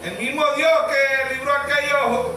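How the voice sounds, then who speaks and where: A man's voice: very high voice, steady tone, moderate pace, bright, forceful tone, slight background noise. A man preaching a sermon as pastor, emphatic, asking the congregation questions and waiting for their answers. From Venezuela. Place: church hall. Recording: echoey church sound from far off.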